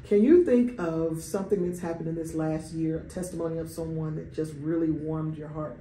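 A woman's voice: low voice, fairly even intonation, brisk, warm tone, slight background noise. A woman hosting a radio interview, affirming her guest and laughing often. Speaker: radio host. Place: radio studio. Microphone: desk microphone. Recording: roomy studio sound.

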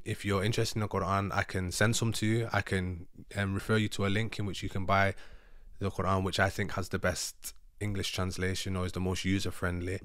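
This thirtysomething vlogger, a native Urdu speaker, talks casually from his living room sofa into a handheld mic held close, musing and self-correcting as he rambles. His voice sits low with a slightly bright edge, and the sound is clean studio quality without echo.

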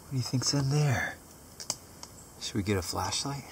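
A man's voice: mid-range voice, animated, moderate pace, background noise. A man in his thirties hosting a casual outdoor vlog, enthusiastically explaining his finds as he walks through a forest. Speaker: metal detecting channel host.

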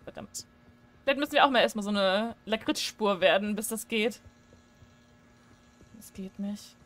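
A woman's voice: medium pitch, normal speed. A woman giving joking, chatty commentary while playing a horror game, talking to viewers at a desk microphone. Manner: chatty, joking, shrieks when startled. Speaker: gaming streamer. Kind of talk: let's play commentary.

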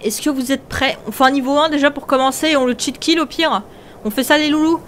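A young woman hosting a video game, commenting excitably, often shrieking and laughing. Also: high voice, fast talker. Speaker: gaming video host.

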